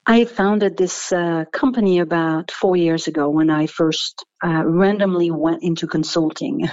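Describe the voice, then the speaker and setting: A woman's voice: lowish voice, fairly even intonation, a little slow, darkish tone, no echo, dull audio. A middle-aged woman from France with a French accent, answering interview questions in a thoughtful, rambling way with restarts. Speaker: guest, business founder.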